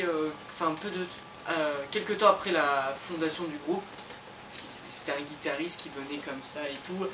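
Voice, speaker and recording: A young man co-hosting a casual, improvised chat between friends, rambling and hesitant with lots of filler words. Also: fairly high pitch. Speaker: co-host. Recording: echoey room, distant mic, noisy.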